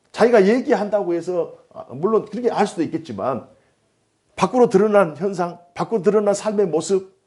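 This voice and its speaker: A man's voice: sits high, dark tone, breathy edge. A man preaching a sermon as pastor in a church, driving his points home with repeated, building phrases. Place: church sanctuary.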